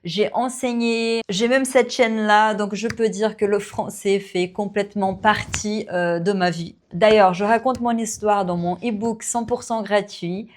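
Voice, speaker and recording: A Brazilian woman whose first language is Portuguese teaches French and runs her own channel. Speaking to camera at a medium pitch, she answers viewer questions in a casual Q&A, slow, warm and relaxed, with plenty of fillers and little laughs.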